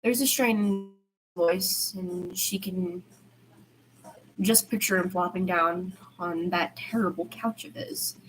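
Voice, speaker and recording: On a rough recording, a woman with a lowish voice reads a fan fiction story slowly and casually. As an amateur podfic reader, she trips over the occasional word and goes back to fix it.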